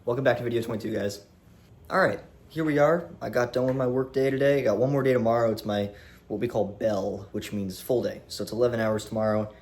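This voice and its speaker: A young man around twenty vlogging to a camera on a tripod, animated and rambling, with swearing and restarts. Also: medium pitch, quick pace. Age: young adult. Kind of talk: casual talk to camera.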